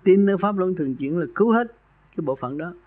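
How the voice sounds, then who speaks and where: A man's voice: sits high, expressive, fast talker. A man who is a spiritual teacher, advising a caller on meditation practice during a radio call-in. He speaks in a folksy, earnest way and raises his voice for emphasis. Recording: narrow phone-like radio sound.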